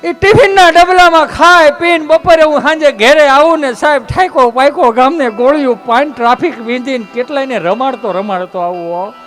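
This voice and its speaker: A man's voice: very high-pitched, a little fast, hardly any pauses, a bit bright. A man spins a comic folk tale for a live crowd. He is chatty and keeps calling his listeners sir. Faint music plays behind him. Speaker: comedian.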